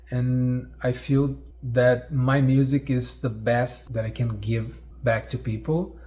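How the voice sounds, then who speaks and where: A Brazilian musician in his forties speaks with a Portuguese accent in a mid-range, darkish voice. Indoors in his home's living room, framed head-and-shoulders on camera, he records a direct-to-camera vlog, earnest and reflective, pausing with fillers.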